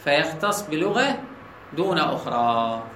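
A man's voice: fairly high pitch, very animated, a little slow, sharp tone, reverberant, slight background noise, poor audio. Man, Iraqi accent, logic lesson, keeps checking students follow, faint room ambience. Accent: Iraqi Arabic. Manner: asks students checking questions. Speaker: teacher.

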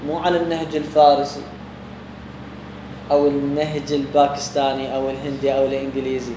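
A man's voice: medium pitch, completely flat delivery. Iraqi guy teaching religious rules, keeps asking his own questions, roomy echo. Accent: Iraqi Arabic. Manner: asks questions and answers them himself, drawn-out examples. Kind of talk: explaining a jurisprudence text to students. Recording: echoey room with faint background hum.

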